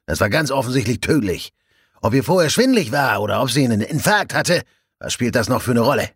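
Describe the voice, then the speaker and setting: A man's voice: on the high side, big pitch swings, fairly quick, creaky, a bit bright, no echo, studio quality, voice pushed up, full character voice. A man voicing a dismissive middle-aged male coroner who talks down to others. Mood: irritated. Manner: curt, condescending.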